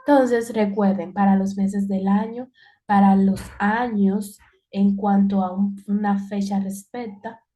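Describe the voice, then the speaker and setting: A woman's voice: mid-range voice, mellow. A woman teaching English in an online class, explaining patiently and repeating key points.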